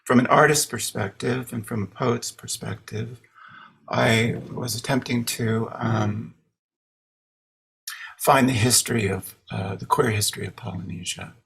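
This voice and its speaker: A husky, gravelly man from American Samoa talks slowly on an academic panel. He hesitates, filling pauses and restarting his sentences as he goes. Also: medium pitch, steady tone, fairly bright tone. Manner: halting, many fillers and restarts. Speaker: artist and poet, panelist. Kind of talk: unscripted panel talk.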